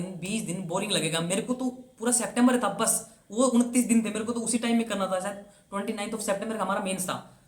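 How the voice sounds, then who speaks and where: A young man with a fairly high voice gives a chatty motivational talk to aspirants. He mixes in English words and keeps hammering his advice home. His voice sounds roomy and echoey. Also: fairly bright tone. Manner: earnest, urging and repetitive. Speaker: banking exam coach. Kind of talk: casual motivational talk to camera. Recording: roomy echo.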